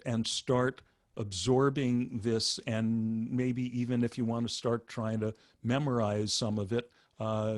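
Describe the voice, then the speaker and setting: A man teaching meditation, explaining in an unhurried, patient way. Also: medium pitch, no echo, clean studio sound. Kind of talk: instructional talk.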